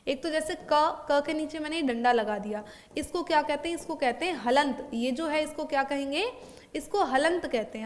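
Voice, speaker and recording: A woman teacher explaining a grammar lesson, often asking a question and then answering it herself. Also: high voice. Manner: asks and answers her own questions.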